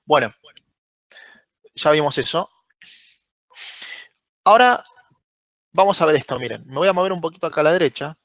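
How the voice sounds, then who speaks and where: A man with a Rioplatense Spanish accent teaches a live online class, walking through each step and putting questions to his students. His voice sits a little high for a man. The sound is dry and close, with no room around it. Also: normal speed, long pauses, a bit bright, dry recording. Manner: asks the class questions and praises answers by name. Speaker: Excel course instructor.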